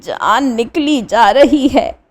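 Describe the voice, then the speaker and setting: A woman's voice: on the high side, slow. A woman voicing a fussy middle-aged male landlord, moaning and wailing in pain, in a one-reader radio play. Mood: groaning.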